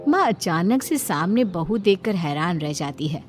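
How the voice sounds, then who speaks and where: A woman's voice: lowish voice, animated, a little slow. A woman narrating a scripted moral story as its storyteller. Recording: music behind the voice.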